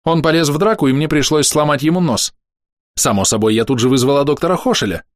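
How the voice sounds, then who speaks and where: A man's voice: a little high, quick pace, no echo, studio quality, voice pushed up, lightly acted. A man voicing a tough, blunt young female first officer who talks in a brash, indignant, coarse way in an audiobook.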